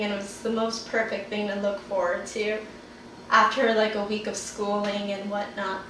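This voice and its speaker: In an echoey, noisy home kitchen far from the mic, a chatty twenty-something contestant from Miami walks through a cooking demo. She sounds slightly high and bright, laughing frequently and taking her time with each word.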